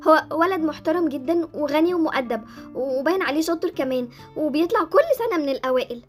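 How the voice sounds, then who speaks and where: A woman's voice: sits high, fast, soft background music, natural voice. A woman playing Nadeen, a fiery young Egyptian woman. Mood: happy. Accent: Egyptian Arabic. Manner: dramatic, swings between pleading and defiant. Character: young woman, proud, emotional and quick-tongued. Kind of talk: Roblox voiced drama.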